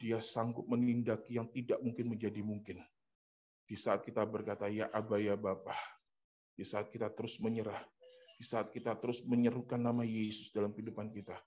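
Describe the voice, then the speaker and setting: A man preaching a fervent evening prayer sermon, often calling out to his listeners and rising to loud emphatic passages. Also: fairly low pitch, flat delivery, fairly quick. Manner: fervent, repeatedly addresses listeners as brothers and sisters. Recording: dull lo-fi sound.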